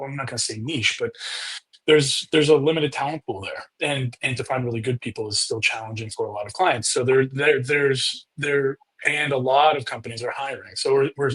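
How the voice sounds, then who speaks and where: Man, husky voice, mid pitch, hesitant, repeats himself, panel guest. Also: fairly bright tone, poor audio. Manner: hesitant, repeats words often. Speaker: staffing director, panel guest. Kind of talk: casual panel discussion.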